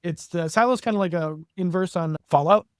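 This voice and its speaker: A man's voice: sits high, brisk, smooth, no room sound, studio quality. A man co-hosting a podcast, chatting casually with lots of fillers. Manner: chatty, filler-heavy with frequent "like". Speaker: podcast co-host. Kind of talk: casual chat.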